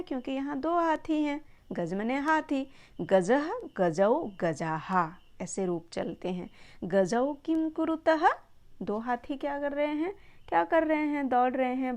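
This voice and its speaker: A woman teaching a Sanskrit textbook lesson to children, patient and encouraging, slowly repeating words to model pronunciation. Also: a little high, a little mellow.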